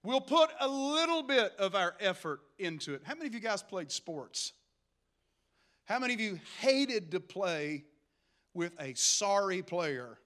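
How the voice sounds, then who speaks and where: Bright high-voiced preacher. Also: male voice, a little slow. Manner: energetic, humorous, builds to emphatic exhortation. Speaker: pastor. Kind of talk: sermon.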